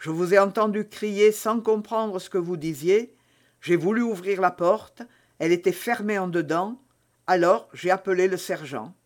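A man's voice: sits high, normal speed, close to an everyday voice. A man voicing a soldier on guard duty, explaining matter-of-factly in an audiobook reading. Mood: plain.

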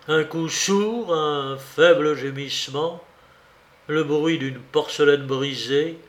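A man narrating a dramatic storybook in a measured, unhurried reading. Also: mid-range voice, fairly bright tone.

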